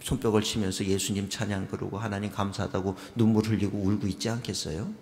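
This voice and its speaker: A middle-aged man preaches a revival sermon with a gravelly, creaky voice, telling stories and throwing questions at the congregation. His voice rings through a church sanctuary with a long reverb tail and a faint hum of ambience. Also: fairly low pitch, flat delivery, fast, darkish tone. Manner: storytelling, questions the congregation, acts out his own prayers. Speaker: pastor.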